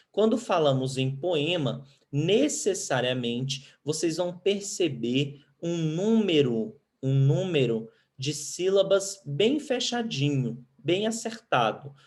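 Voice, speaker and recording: A Brazilian man teaching a Portuguese grammar lesson, who asks questions and answers them himself, and reads poem lines slowly while counting syllables. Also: fairly high pitch. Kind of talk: recorded online grammar lesson.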